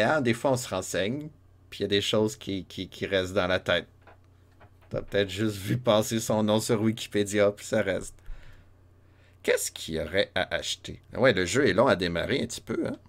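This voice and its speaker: A man with a Quebec French accent giving casual, chatty commentary while playing an old role-playing game, laughing often and talking to his chat. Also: lowish voice. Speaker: streamer playing a retro RPG. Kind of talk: casual let's-play commentary.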